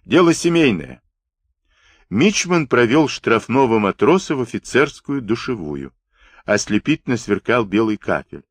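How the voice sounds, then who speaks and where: A man narrating a book in an expressive, dramatic storytelling manner on a close mic. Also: mid-range voice, normal speed, no echo. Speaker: audiobook narrator.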